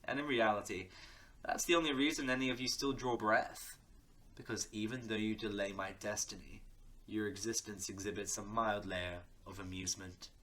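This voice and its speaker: In an audio roleplay drama, a man acts a smug, sadistic crime boss who threatens softly, taunting theatrically and dropping into menacing whispers. His fairly low voice is steady in tone, pushed and bright, at a normal speed, carrying smug menace.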